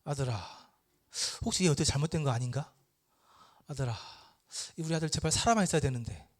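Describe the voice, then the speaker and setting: A man's voice: on the high side, fairly quick, close to an everyday voice. A man voicing a loving older father who calls out with tears in a Bible story. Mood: longing. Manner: pleading, tearful calling out.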